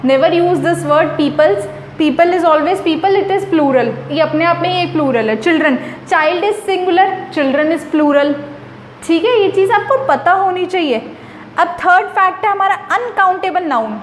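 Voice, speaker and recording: A woman's voice: very high voice, takes it slowly, reverberant, a little hiss or hum. A woman teaching English grammar in a chatty, emphatic way, slipping English phrases into her explanations. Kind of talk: casual explanatory lesson.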